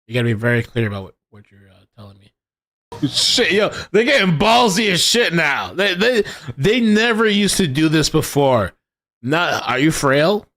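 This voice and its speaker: A man's voice: a little high, big pitch swings, normal speed, fairly bright tone, no room sound. A man hosting a casual live stream, thinking aloud with lots of restarts and reading viewer chat. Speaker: livestream host.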